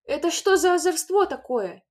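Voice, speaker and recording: A woman voicing a hot-tempered but kind village mother in a storybook reading, with loud outcries and a husky voice. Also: a little high, expressive, normal speed. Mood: scolding.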